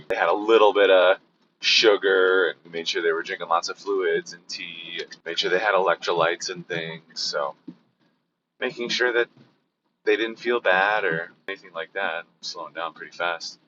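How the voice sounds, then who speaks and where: A man with a hoarse, sick-sounding voice rambles through a casual daily vlog update, full of fillers and restarts. His voice sits very low but sounds bright and forceful. The recording is a bit dull, with faint ambience behind him. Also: steady tone, normal speed, a little hiss or hum. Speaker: vlogger.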